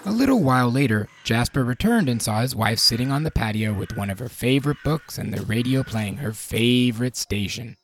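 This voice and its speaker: A man's voice: medium pitch, lively intonation, a little fast, hardly any pauses. Male story narrator, faint background noise.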